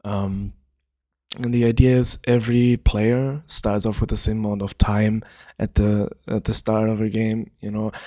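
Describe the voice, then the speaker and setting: Laid-back low-voiced man explaining casually. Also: darkish tone, no echo, clean studio sound. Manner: laid-back, rambling, many fillers. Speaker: gaming video creator.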